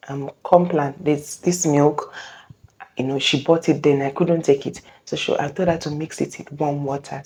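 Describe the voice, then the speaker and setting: A young woman with a low, mellow voice tells her own story to the camera. She speaks earnestly, pauses often, and corrects herself as she goes. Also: slight background noise. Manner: earnest, halting, with frequent self-corrections. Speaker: vlogger sharing a personal testimony. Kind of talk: casual personal storytelling.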